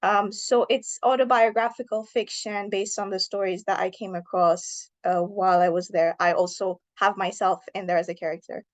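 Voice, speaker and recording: A woman's voice: mid-range voice, fairly even intonation, moderate pace, hardly any pauses. A woman in her thirties, originally from Iran, an author answering interview questions thoughtfully and earnestly.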